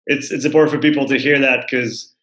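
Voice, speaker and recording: A man's voice: mid-range voice, steady tone, a little fast, a bit bright. A man hosting an interview, a personal trainer himself, asking long questions and repeating words as he forms them. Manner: searching, repeats words while forming questions. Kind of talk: conversational interviewing. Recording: roomy echo.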